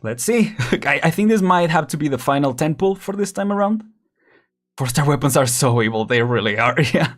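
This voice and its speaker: Here the young game streamer sounds animated, with a fairly high pitch and a normal speaking speed. He keeps up casual live commentary, chatting, laughing a lot, and counting down as he plays.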